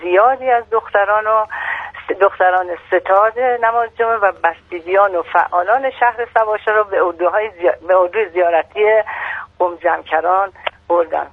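A woman giving a phone-in report on local events, speaking haltingly with restarts and fillers. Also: medium pitch, no room sound, phone-quality sound.

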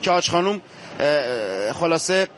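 Fervent male reporter, slightly high voice. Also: big pitch swings, a little hiss or hum. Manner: fervent, emphatic, addresses viewers directly. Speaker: on-location reporter. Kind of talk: street interview on a pilgrimage walk.

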